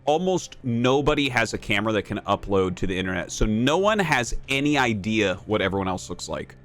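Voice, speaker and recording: A man's voice: lowish voice, big pitch swings, fairly quick, a bit bright, a little hiss or hum. A man in his thirties, a game streamer, telling a story and ranting about a match in a sarcastic, profane way. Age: 30s. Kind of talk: casual storytelling and gameplay rant.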